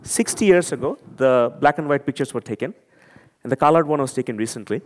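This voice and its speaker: Fast-talking and mid-range in pitch with a darkish tone, a man from Bangladesh gives an earnest, emphatic conference talk in a Bangladeshi accent. He often repeats words as he searches for them. The sound has a long hall reverb.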